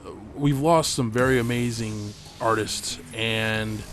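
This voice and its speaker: Speaking at a fairly low pitch and measured pace with a slightly bright tone, a man chats casually over gameplay for his gaming channel. He is worn out and losing his voice, rambling in a relaxed way and swearing freely.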